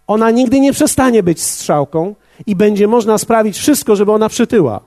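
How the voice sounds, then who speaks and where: A man preaching a sermon as pastor, measured and speaking directly to his congregation. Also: high-pitched, a little mellow, no room sound.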